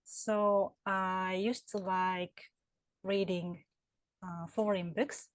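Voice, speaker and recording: Speaking very slowly in a dry recording, a woman with a Japanese accent uses a medium-pitched, steady voice. She works in HR consulting and career counseling, and she answers interview questions thoughtfully, with many fillers and restarts.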